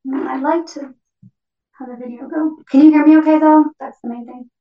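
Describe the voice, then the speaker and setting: A woman's voice: high voice, steady tone, normal speed. A woman poet chatting casually before her reading, with a chatty, informal manner. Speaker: open mic poet. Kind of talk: casual chat on an online call. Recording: distant echoey lo-fi online call.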